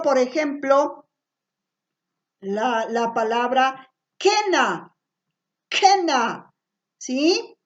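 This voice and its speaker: A woman teacher, giving a remote lesson, patient and slow, often checking in with short questions. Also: high-pitched, dull audio.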